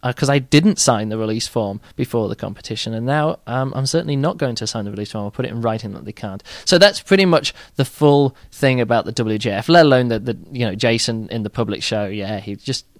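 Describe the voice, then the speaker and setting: A man's voice: medium pitch, brisk, few pauses, dry recording, clean studio sound. A man hosting a podcast, outspoken and rambling, with plenty of fillers. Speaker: podcast host. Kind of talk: casual podcast monologue and interview.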